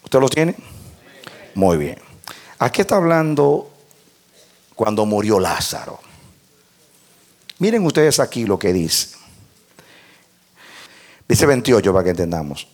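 A man preaching a sermon, reading scripture quietly and building to loud shouted passages. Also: fairly low pitch, big pitch swings, takes it slowly, pauses often.

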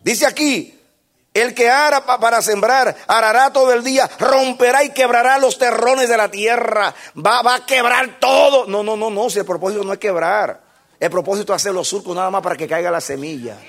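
Impassioned high-voiced male preacher. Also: a little fast. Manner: impassioned, swinging from shouts to hushed low tones. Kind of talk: sermon.

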